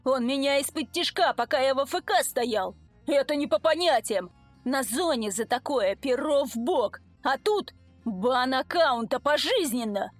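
A woman's voice: sits high, lively intonation, measured pace, dry recording, faint music behind. A woman voicing a big, tearful businessman and ex-convict gamer who bellows in prison slang. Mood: raging. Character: burly sobbing businessman, ex-convict gamer, man.

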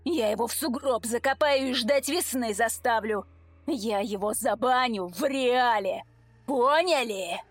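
A woman's voice: a little high, unhurried, dry recording. A woman voicing a big, tearful businessman and ex-convict gamer who bellows in prison slang. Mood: raging. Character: burly sobbing businessman, ex-convict gamer, man.

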